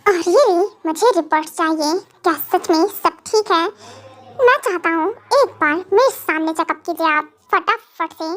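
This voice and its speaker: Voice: very high-pitched, a little slow, fairly bright tone, a little hiss or hum. A reader voicing a vengeful, possessive young male mafia boss in an amateur fan dub, talking in a brooding, threatening way. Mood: anxious bossy. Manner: brooding, threatening, then fussing.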